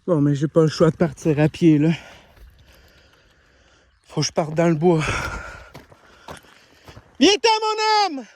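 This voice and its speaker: A man with a Québécois French accent, vlogging casually outdoors in gravel pits and woods, rambling and swearing often. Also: fairly high pitch, flat delivery, moderate pace, pauses often, warm tone, slight background noise. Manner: swears often, rambling and breathless while searching. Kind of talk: casual vlog narration outdoors.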